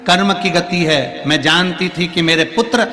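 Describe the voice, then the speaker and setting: A man's voice: high-pitched, fairly even intonation, normal speed, sharp tone. A man voicing a devout grieving queen. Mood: devout, sorrowful. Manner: speaks her own lines in quoted dialogue. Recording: long hall reverb, faint music.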